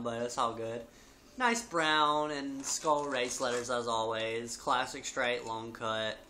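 A man's voice: mid-range voice, pushed and bright. A man in his twenties hosting a casual review video from his living room. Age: 20s. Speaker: video host. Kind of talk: casual product review chat. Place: living room at home, indoors. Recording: noisy home webcam recording.

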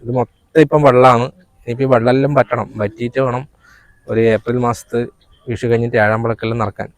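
A man's voice: mid-range voice, level tone, fast talker, no echo. A man with a northern Kerala accent chatting casually and colloquially on a vlog, explaining local spots. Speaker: vlog companion, father. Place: outdoors beside fields and water.

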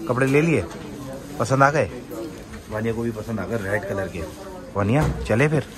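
A man's voice: medium pitch, moderate pace. A man from Pakistan with a Karachi Urdu accent, chatting playfully and teasing his children as he vlogs a family shopping trip. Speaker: vlogger. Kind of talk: casual family vlog. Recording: busy market crowd behind. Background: market crowd and traffic.

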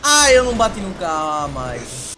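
A man's voice: on the high side, very animated, moderate pace. A man chatting while gaming, repeating himself when under pressure. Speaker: gamer. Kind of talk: excited gaming chat. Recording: game music behind.

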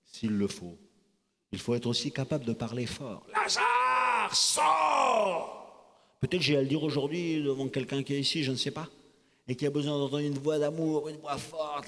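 An older man giving a sermon as a cardinal, animated, moving from soft asides to loud calls. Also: mid-range voice. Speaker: cardinal preaching. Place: large church. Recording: long church reverb.

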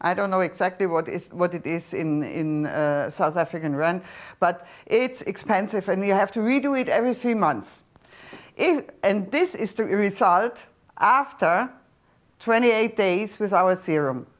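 A middle-aged woman with a German accent, a skincare doctor presenting a serum on a TV shopping channel, explaining in slightly halting non-native phrasing. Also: medium pitch. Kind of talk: TV shopping product demonstration. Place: TV studio set. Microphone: lapel mic.

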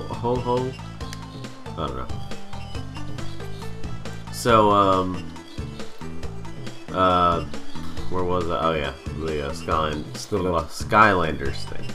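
A man with a low voice gives casual gaming commentary, sitting a little way off from the mic. He rambles hesitantly and pokes fun at himself. Game music plays behind him. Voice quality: slightly distant from the mic. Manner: hesitant, rambling, self-deprecating. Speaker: host of a gaming video series. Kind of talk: casual let's play commentary. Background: video game music.

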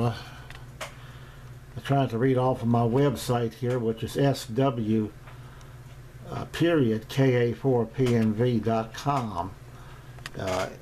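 Recorded on a noisy home camera, a middle-aged or older man presents his gear as an amateur radio hobbyist in a small home radio room. His medium-pitched voice is a little mellow; the casual, unscripted review rambles and halts with long hesitations.

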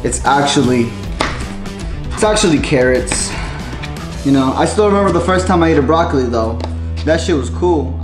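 A young man cooking in a home kitchen, chatting in a rambling, slangy and profane joking style. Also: medium pitch. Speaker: cooking vlogger. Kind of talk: casual joking cooking vlog. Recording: echoey kitchen with music.

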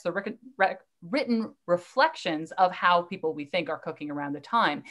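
A middle-aged woman lecturer answering questions in a live online talk, eager and digressive, often restarting her sentences. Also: fairly low pitch. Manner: enthusiastic, digressive, with fillers and restarts.

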